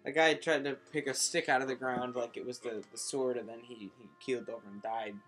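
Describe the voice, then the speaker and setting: A man's voice: mid-range voice, steady tone, brisk, a bit bright, faint music behind. A man giving casual, joking commentary on a video game, sarcastic and mock-indignant.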